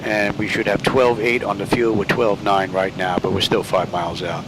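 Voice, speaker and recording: Low guy narrating from the cockpit, easygoing pilot chat, noticeable engine hum behind. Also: moderate pace. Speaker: pilot in a flight trainer. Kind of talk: casual cockpit commentary. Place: small cockpit trainer. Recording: steady loud cockpit hum. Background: air conditioning-like engine hum.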